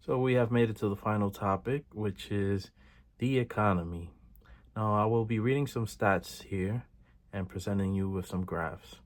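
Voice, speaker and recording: A man with a fairly low voice hosts his own video channel. He reads figures and gives his views in a measured way, often pausing on fillers. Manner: measured reading with frequent filler pauses. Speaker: video host. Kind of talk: reaction commentary, reading statistics.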